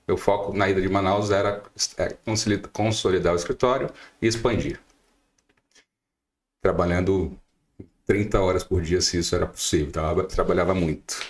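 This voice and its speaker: A middle-aged Brazilian man giving emphatic advice as a guest lawyer on a podcast, firing off rhetorical questions. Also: low voice. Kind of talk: podcast interview.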